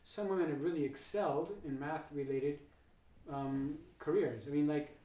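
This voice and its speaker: A man's voice: a little high, steady tone, normal speed, mellow, recorded from a distance. Chatty man in an echoey room. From United States. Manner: rambling, thinks aloud with many fillers and restarts. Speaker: economics and philosophy host. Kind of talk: casual conversational interview.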